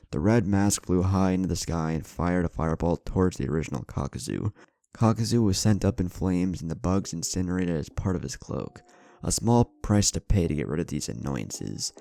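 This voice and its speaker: With no echo and music running beneath him, a man recounts a scripted fantasy battle story. His voice is extremely low and creaky, its tone dark and mellow.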